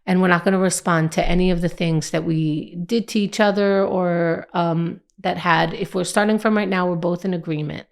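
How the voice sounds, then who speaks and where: Woman vlogger, slightly low voice, reflective personal storytelling, halting with restarts. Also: fairly even intonation, creaky.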